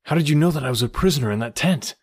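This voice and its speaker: A man's voice: a little high, animated, very fast, darkish tone, husky, dry recording, voice pushed up. Bold jungle ape-man hero, firm and earnest, read by a male narrator in a dry storybook voice.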